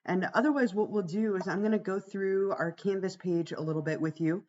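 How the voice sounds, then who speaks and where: A woman college instructor speaks in a low, gravelly voice, roughened by a cold and lots of talking. She walks a class through things in a conversational, reassuring way. The livestream sound is slightly dull. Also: a little fast, darkish tone. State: fighting a cold, voice strained from much talking. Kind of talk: informal livestreamed class orientation.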